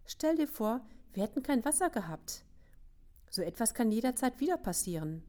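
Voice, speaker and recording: A woman's voice: on the high side, mellow, voice pushed up, lightly acted. A woman reading aloud, voicing an earnest boy who urgently lectures his friends. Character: worried boy raising alarm, earnest.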